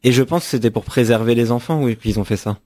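A man's voice: medium pitch, fast talker, dark tone. A young man from France speaks as a guest in a radio interview, answering at length in a reflective tone. He often stops, repeats a word, and restarts his sentence while he looks for the right phrasing. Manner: thoughtful, frequent restarts and repeated words. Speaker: author guest.

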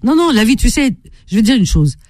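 A woman's voice: on the high side, sing-song, quick pace, darkish tone. A woman hosting a call-in radio show, chatting with callers in a playful, affectionate, teasing way.

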